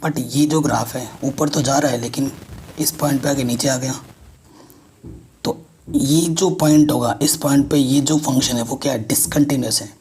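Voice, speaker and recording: A man's voice: medium pitch, fairly even intonation, normal speed, darkish tone, husky. A man teaching a math lesson, explaining step by step and checking in with students often.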